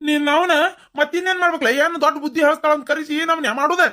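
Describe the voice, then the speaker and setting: A voice actor playing a gruff, sarcastic middle-aged husband in a cartoon, scolding in a North Karnataka Kannada accent. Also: sits high, fairly even intonation, very fast, bright, forceful tone.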